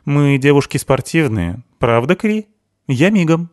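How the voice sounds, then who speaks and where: A man's voice: a little high, sing-song, measured pace, a little mellow, no echo, clean studio sound, voice pushed up. A man voicing a cheerful, teasing blonde young woman. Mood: playful. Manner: bubbly, teasing.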